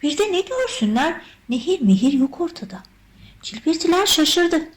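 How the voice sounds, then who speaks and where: A woman narrating a children's story in an expressive, measured storytelling voice. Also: high voice, poor audio.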